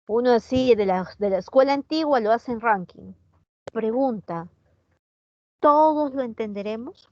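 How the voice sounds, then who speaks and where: A woman's voice: on the high side, dry recording, muffled recording. A Peruvian woman with a Peruvian Spanish accent teaching an online chemistry class, chatty, often asking her students questions and answering their comments. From Peru.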